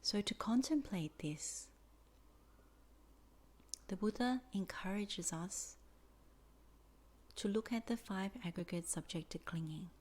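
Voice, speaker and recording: A woman with a mid-range voice guides a meditation in soft, deliberate phrases. She pauses often, and each phrase ends with a breathy fall.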